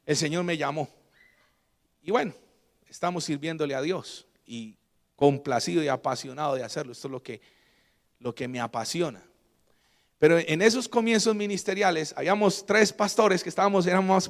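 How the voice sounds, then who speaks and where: A Colombian man preaching a sermon as a guest pastor, emphatic and swinging between loud and quiet, throwing call-and-response questions to the congregation. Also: high voice, big-room sound.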